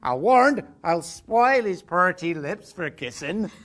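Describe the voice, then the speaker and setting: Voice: mid-range voice, very animated, slow pace, a bit bright. A performer playing a jealous young man, reciting a dialect verse dialogue with a blustering, reproachful manner. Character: young male country lover, jealous and hot-tempered.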